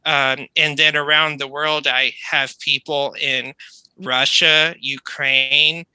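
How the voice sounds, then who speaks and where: An American man, an accent coach, explaining things in a measured, polite conversational way. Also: fairly high pitch, little pitch movement, pushed and bright, smooth, no echo, rough recording. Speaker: accent coach, online tutor.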